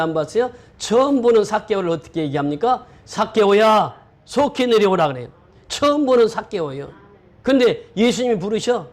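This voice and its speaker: A male pastor preaching a sermon, often quizzing the congregation with questions. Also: high-pitched.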